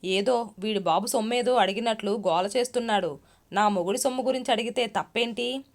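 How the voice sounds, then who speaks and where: A woman voicing a loud, shrewish middle-aged mother who scolds and curses harshly, in a read-aloud story. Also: a little high, fairly quick, natural voice. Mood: scolding. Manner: harsh, cursing, shouting.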